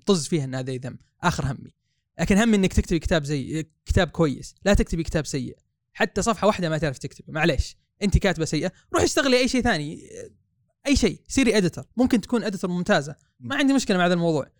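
A man's voice: on the high side, no room sound, clean studio sound. A man, co-hosting a casual podcast chat, blunt and ranting. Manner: blunt, ranting, fast-talking. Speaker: podcast co-host.

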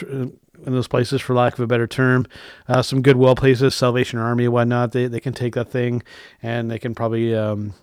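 In his late thirties, a man hosts a casual solo tech podcast in a medium-pitched voice, recorded dry and clean in a studio. He rambles, restarts often, tosses in "and whatnot," and speaks bluntly, swearing when annoyed.

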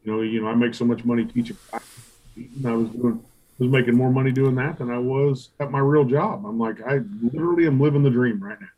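A middle-aged man, a barbecue pitmaster telling stories in a casual interview, animated and profane, acting out what he and others said. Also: mid-range voice, a little fast, muffled recording. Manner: animated, profane, quotes himself and others in acted asides. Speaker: competition barbecue pitmaster and restaurant owner.

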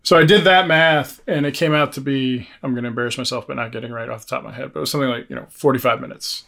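A man co-hosts a casual podcast with a gravelly, creaky edge to his mid-pitched voice. He talks informally, working through his thoughts out loud. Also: steady tone, racing. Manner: informal, thinking aloud with false starts and self-quotes. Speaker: podcast co-host. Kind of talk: casual conversational podcast chat.

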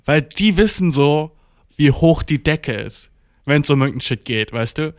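A man's voice: a little high, expressive, moderate pace, no room sound, studio quality. A young man in a casual, rambling monologue, heavy with slang and English words, acting out the voices in his stories. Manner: acts out quoted dialogue while storytelling. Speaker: solo talker.

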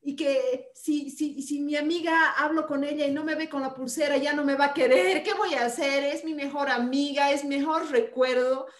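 An anxious young daughter pleading with her mother over and over, played by a woman in a demonstration role-play. The voice sits high, and the sound rings with clear room echo. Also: fairly even intonation, moderate pace, few pauses, lightly acted. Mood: tearful distress. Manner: pleading, repeats "mamá".

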